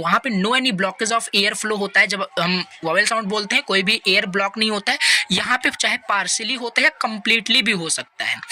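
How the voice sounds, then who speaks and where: Bright-voiced man tutoring for exams. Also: sits high, slight background noise. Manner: explains patiently, often reads the English lines out slowly; leans on tags like "right?" and "over here". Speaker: exam-prep tutor. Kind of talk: online exam-revision lecture.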